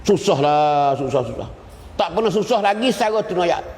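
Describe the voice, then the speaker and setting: A man giving an Islamic religious lecture, telling a story with sudden rises and drops in pitch and repeated phrases. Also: expressive, normal speed, a little mellow. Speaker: religious teacher. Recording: long hall reverb.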